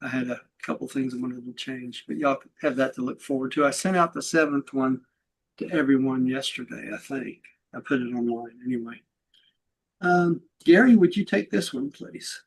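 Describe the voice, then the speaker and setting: A man's voice: medium pitch, moderate pace, gravelly, slight background noise. A man leading a study-group class, talking casually and rambling as he explains a reading, with fillers and self-corrections and his distance from the mic shifting. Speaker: host and teacher. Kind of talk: conversational study-group teaching.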